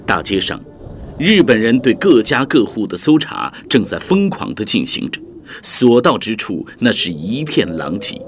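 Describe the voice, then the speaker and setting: Guy telling a dramatic story, lowish voice, lively pitch, music under. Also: moderate pace. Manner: vivid expressive storytelling. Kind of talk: dramatic audiobook narration. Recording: background music.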